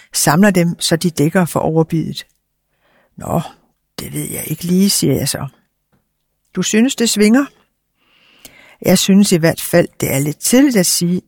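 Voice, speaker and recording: Quiet, gravelly man reading a story. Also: on the high side, no room sound, clean studio sound. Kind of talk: first-person story reading.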